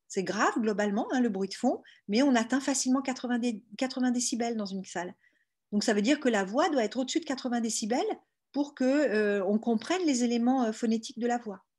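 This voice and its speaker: A woman's voice: fairly high pitch, a little mellow, breathy edge. A woman giving an explanatory online lecture on hearing, patiently walking listeners through each point step by step. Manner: patient, explains step by step with frequent "hein" and "bah". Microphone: video call.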